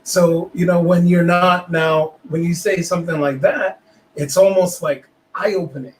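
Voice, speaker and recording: Halting, slightly high-voiced male co-host. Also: fairly even intonation, a little hiss or hum, rough recording. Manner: reflective, halting with many fillers. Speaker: podcast co-host. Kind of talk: casual conversation.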